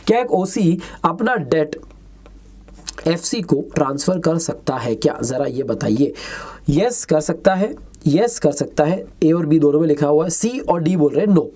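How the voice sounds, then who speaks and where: A male lecturer works through exam questions in a relaxed, mellow voice. He moves between Hindi and English and reads each question out slowly before turning to friendly, chatty explanations. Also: a little high.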